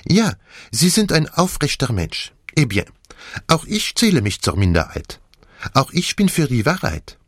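A man's voice: medium pitch, wildly swooping pitch, measured pace, dry recording, studio quality, voice pushed up. A man voicing a fussy, commanding elderly Belgian detective who speaks German with a French accent in a precise, formal way. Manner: precise, formal, lightly theatrical.

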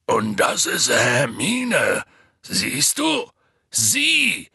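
A man voicing a huge, clumsy half-giant man who calls out loudly and strains his voice to coax and scold, in an audiobook. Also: low voice, unhurried, vocal fry, breathy edge, no echo, clean studio sound, voice pushed down, heavily acted. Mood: shouting, scolding. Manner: loud, strained calling out, pleading and scolding.

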